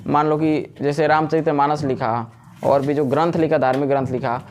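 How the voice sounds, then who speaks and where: A man's voice: on the high side, fairly even intonation, moderate pace, a little mellow, slight background noise. A man with a Jharkhand Hindi accent teaching a class in a coaching classroom, chatty and joking, often quizzing his students. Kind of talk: classroom lecture.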